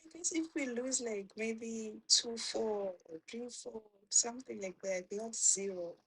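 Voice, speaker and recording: A woman's voice: a little high, slight background noise, poor audio. A woman, a guest on a live chat, answering bluntly with dry jokes. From South Africa. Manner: blunt, joking quick replies. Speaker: guest caller.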